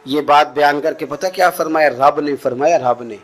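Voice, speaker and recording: A male preacher gives an impassioned sermon. He tells the story dramatically, repeats phrases for emphasis and chants verses slowly. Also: on the high side.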